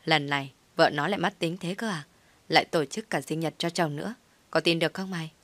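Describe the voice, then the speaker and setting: Woman reading a doubtful young guy, low voice, dry sound. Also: fairly quick, a bit bright, no room sound. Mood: sceptical. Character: sceptical young male buddy, chatty.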